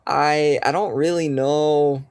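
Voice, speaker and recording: A man's voice: a little high, steady tone, takes it slowly, darkish tone, smooth, voice pushed up. A man voicing a hesitant, unsure male deputy who stumbles over his words in a tabletop game. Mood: sheepish. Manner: hesitant, full of ums and uhs.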